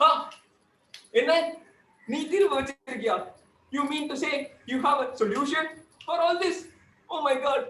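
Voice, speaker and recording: A man's voice: extremely high pitch, fairly bright tone, reverberant, distant mic, slight background noise, full character voice, low-quality recording. Man doing a whiny sad clown puppet. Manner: whiny, sulky, rapid Tamil chatter. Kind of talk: puppet show.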